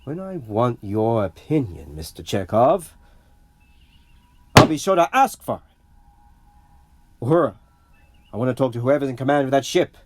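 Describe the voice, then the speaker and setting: An actor playing a ruthless, arrogant starship captain in an audio drama, commanding and smug in a clipped delivery. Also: male voice, mid-range voice, very animated, unhurried, long pauses, slight background noise. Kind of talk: dramatic audio comic acting.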